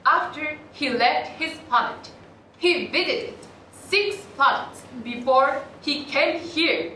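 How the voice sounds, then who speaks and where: A young woman narrating a student stage play in a slow, gentle storytelling manner. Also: sits high, slight background noise. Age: young adult. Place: theater stage. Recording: echoey hall from far off, with music. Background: music.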